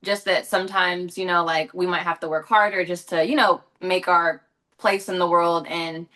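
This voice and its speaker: A young woman from Los Angeles, an actress appearing as a guest, answers interview questions in a chatty way, full of fillers and self-corrections. Her voice is lowish with a sharp tone, and she speaks at a normal speed with fairly even intonation.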